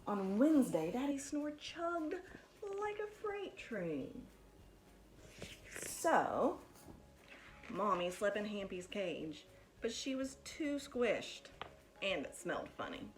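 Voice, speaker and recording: A woman reads a picture book aloud to children with expressive, deliberate storytelling, like a teacher speaking to pupils. Her voice is mid-range, with slight background noise.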